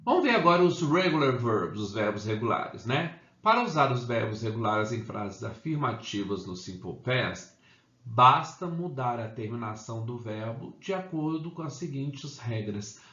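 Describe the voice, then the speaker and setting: A man's voice: mid-range voice, big pitch swings, pushed and bright, echoey room, lo-fi sound. A man teaching an English grammar lesson, explaining rules step by step and checking in often with the class. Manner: slow, repeats "tá?" and "ok?" to check understanding. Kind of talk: Portuguese-language grammar lesson.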